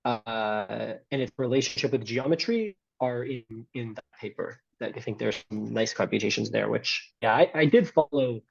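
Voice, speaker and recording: An American man gives a mathematics seminar talk in a gravelly, slightly husky voice. He hedges and restarts often, working through ideas aloud. The recording sounds dull and lo-fi. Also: mid-range voice, normal speed, few pauses. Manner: hesitant, many fillers and restarts. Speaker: seminar speaker. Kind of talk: academic math lecture.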